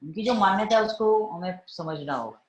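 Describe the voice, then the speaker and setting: A man's voice: high-pitched, expressive, moderate pace. A man giving a Jain religious discourse in a conversational way, often asking his listeners whether they follow. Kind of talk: Hindi religious discourse mixed with English words. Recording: roomy, dull recording.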